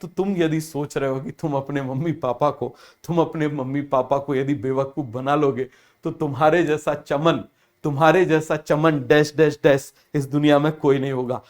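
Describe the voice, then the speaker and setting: A young man teaching biology in a lively way, often asking the class questions and acting out comic family scenes. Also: fairly high pitch, normal speed. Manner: acts out family scenes in other voices. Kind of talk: biology lecture with comic examples.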